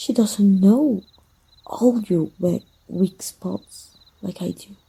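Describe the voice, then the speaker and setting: In a heavily acted ASMR roleplay with poor audio, a woman plays a possessive villainess speaking intimately to her rival. Her very mellow, breathy voice sits at a middling feminine pitch, teasing softly and deliberately with jealous, threatening menace underneath.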